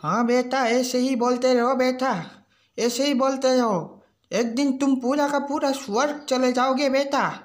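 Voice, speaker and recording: A man voicing a sweet, doting old grandfather who gently nags about food and calls everyone son. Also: very high voice, steady tone, a little slow, voice pushed up. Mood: coaxing.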